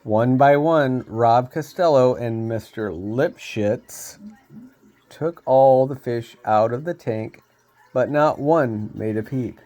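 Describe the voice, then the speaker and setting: A man reading a storybook aloud, unhurried, with small slips he laughs off. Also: medium pitch, warm tone, dull audio.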